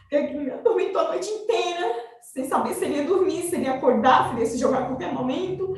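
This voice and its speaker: High-voiced mother, distant and roomy. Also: lively intonation. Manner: emotional, halting, many fillers. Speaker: mother giving testimony. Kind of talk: personal testimony in a webinar.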